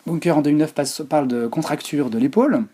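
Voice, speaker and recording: A man's voice: on the high side, fast, mellow. A man presenting a physiotherapy talk over slides, hesitant, with many fillers and restarts. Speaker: physiotherapy lecturer.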